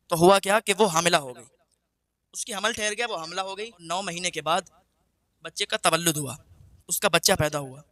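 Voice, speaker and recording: Male preacher, high bright voice, emotive storytelling with repeated phrases, dry close sound. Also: no echo. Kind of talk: storytelling sermon.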